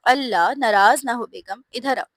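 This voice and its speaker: A woman's voice: a little high, moderate pace, a bit bright, no room sound. A woman voicing a teasing young husband. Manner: playful, teasing.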